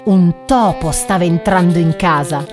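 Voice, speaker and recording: A woman narrating a children's storybook in an expressive, animated way. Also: on the low side, unhurried. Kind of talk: storybook reading. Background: background music.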